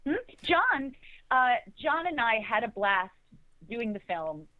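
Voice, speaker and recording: A woman's voice: a little high, sing-song, slow pace. A middle-aged actress answering interview questions, enthusiastic and rambling, often restarting her sentences. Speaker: actress guest. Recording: tinny phone-like line, dry.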